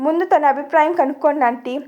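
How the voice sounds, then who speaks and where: A woman's voice: high voice, warm tone, highs cut off, natural voice. Woman reading a polite, principled young man. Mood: earnest. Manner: measured, respectful.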